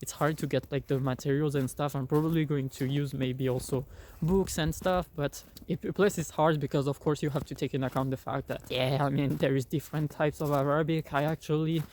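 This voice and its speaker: This young man's voice is fairly high and darkish, brisk in pace, with fairly even intonation and a little hiss or hum on the recording. He's a vlogger with a French accent, rambling casually about an app with lots of fillers and restarts. He records outdoors in cold weather on a phone held in his own hand.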